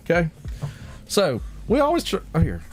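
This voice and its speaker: A man who is a guest on a talk show, telling a story in an animated way. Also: on the high side, normal speed, music in the background. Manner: animated, acts out the voices in his stories. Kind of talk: casual storytelling.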